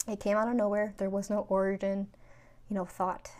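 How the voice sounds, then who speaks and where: A woman's voice: medium pitch, flat delivery, fairly quick, darkish tone. A woman from New York telling stories in a casual, rambling way, full of fillers, as a spiritual vlogger. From New York, USA. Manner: chatty, rambling, with many 'like' and 'um' fillers. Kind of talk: casual storytelling.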